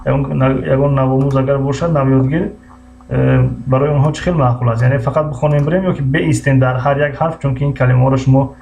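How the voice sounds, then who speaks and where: A man with a Tajik accent teaching English on a live stream, repeating each word slowly and greeting viewers by name. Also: mid-range voice, fairly even intonation, creaky, a little mellow. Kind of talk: live-streamed language lesson. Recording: muffled lo-fi stream audio with faint hum.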